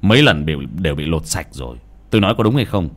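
A man's voice: low-pitched, very animated, quick pace, a bit bright, pitched below the performer's own voice, exaggerated voice. A man voicing a crude, bullying grown son who bellows and stammers in an audio story. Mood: blustering.

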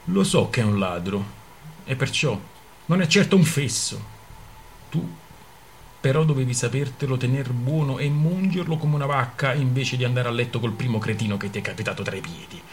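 A man reading aloud and voicing a gruff, greedy older father who scolds and mocks his daughter harshly. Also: medium pitch, moderate pace, slight background noise, lightly acted. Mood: scornful. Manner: harsh, mocking, domineering. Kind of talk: audiobook reading.

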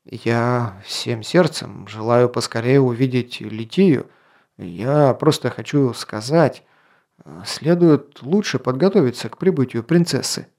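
An earnest young king, quiet and stubborn, with a low, mellow voice, as an audiobook narrator plays him. He speaks slowly and holds back his emotion. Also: natural voice. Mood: evasive.

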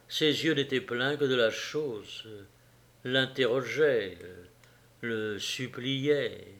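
A man reading a classic novel aloud in a measured, solemn manner with long pauses. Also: medium pitch, creaky. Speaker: audiobook reader. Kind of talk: literary narration.

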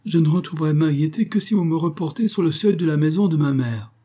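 Pleading, sobbing young girl in a storybook, played by a male reader, pitched well up, mellow tone. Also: brisk, close to an everyday voice. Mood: sobbing pleas. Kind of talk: storybook reading.

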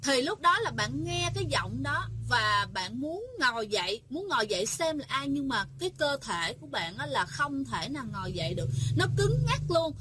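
A woman's voice: high voice, expressive, normal speed, few pauses, sharp tone, a little hiss or hum. A woman, telling a ghost story in a chatty, casual way and speaking directly to her listeners.

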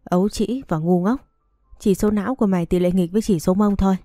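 A woman reading the lines of a sharp-tongued pregnant young wife, cold and cutting. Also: mid-range voice, quick pace, dry recording, clean studio sound, soft background music, close to an everyday voice. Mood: cold, scornful.

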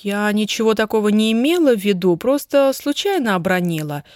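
A woman voicing a playful young wife in a raised, lively, teasing tone. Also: medium pitch, fairly quick, no room sound, clean studio sound, lightly acted.

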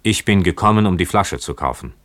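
Guy voicing a pushy hawaiian man, pitched up from a really deep voice, loud and firm, dry close sound. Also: fairly quick, no room sound. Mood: insistent. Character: determined Hawaiian man buying a cursed bottle.

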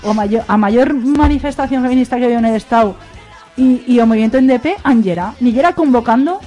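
Aragonese woman, fairly high voice, rambling and emphatic panel guest, faint music under. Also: fast talker, warm tone. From Aragón. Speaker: radio show guest. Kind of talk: casual roundtable chat.

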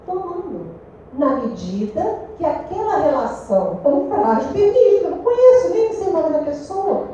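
A woman with a Brazilian Portuguese accent giving a lively spiritual talk to a meeting group, questioning her listeners. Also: very high-pitched, moderate pace, a little hiss or hum. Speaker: speaker at a spiritist study meeting. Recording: echoey room, distant dull mic.

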